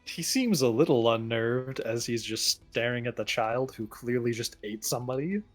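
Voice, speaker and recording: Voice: mid-range voice, moderate pace. A game master with a mid-range voice narrates a tabletop roleplaying scene in a conversational way. Faint music runs underneath.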